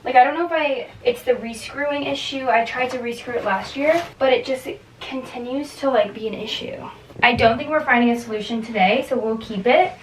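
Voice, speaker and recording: A woman's voice: fairly high pitch, noisy background. A young woman chatting casually and self-deprecatingly as she cleans out her apartment closet, talking to herself and her viewers. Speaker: lifestyle vlogger. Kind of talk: casual vlog voice-over and talk while cleaning.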